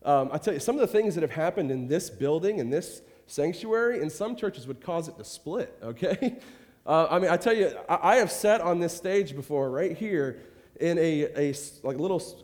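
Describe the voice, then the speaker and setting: With a slightly high, expressive voice at a moderate pace, a man speaks as a pastor in a church sanctuary, chatting to his congregation informally. The warm, rambling talk is full of fillers and frequent "I tell you"s, broken by an occasional cough from his cold. It's picked up by a handheld or stage mic, and the hall echoes with reverb.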